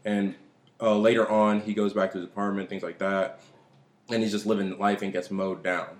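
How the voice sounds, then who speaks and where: A man's voice: on the low side, little pitch movement, normal speed, echoey room. A man co-hosting a casual podcast, talking in emphatic slang and repeating his phrases. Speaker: podcast co-host.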